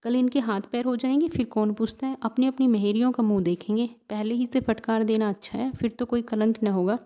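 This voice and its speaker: A woman voices a resentful young daughter-in-law who complains bitterly. Her voice is on the high side, warm and steady, fairly quick, and close to how she'd sound day to day.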